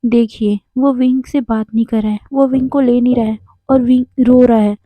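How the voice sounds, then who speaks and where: A gentle, caring mother in a fan-fiction story reading, soft-spoken and soothing, her voice high and mellow, as a woman puts her on. The recording is close and dry. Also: fairly even intonation, moderate pace, no echo, natural voice. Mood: pleading.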